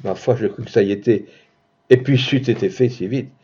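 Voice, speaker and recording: A man narrating a literary story in a theatrical way, swinging from hushed passages to booming outbursts, heard in a dull lo-fi recording. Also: steady tone, brisk, husky. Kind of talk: dramatic literary audiobook reading.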